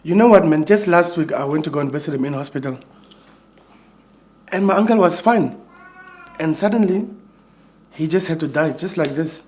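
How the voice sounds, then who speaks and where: A man's voice: fairly high pitch, normal speed, long pauses, a little mellow, lightly acted. An actor playing a weary, exasperated man who is welcoming mourners after his uncle's death. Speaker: bereaved nephew hosting mourners.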